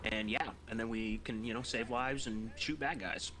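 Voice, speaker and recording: Heavy background noise accompanies this man's mid-range, steady voice at a moderate pace. Instructing medics in his game group over voice chat, he rambles, swears, corrects himself and eats while talking, sounding tired.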